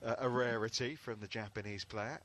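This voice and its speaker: A man's voice: medium pitch, fairly even intonation, fairly quick, fairly bright tone. A man giving conversational live golf commentary alongside other broadcasters. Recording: clear outdoor ambient noise.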